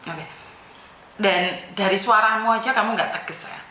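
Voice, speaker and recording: A woman's voice: medium pitch, moderate pace, bright, forceful tone, roomy sound. A woman hosting a call-in advice show, lecturing the caller bluntly and firmly. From Indonesia. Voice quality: scolding, firm, mixes in Javanese words. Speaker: advice host.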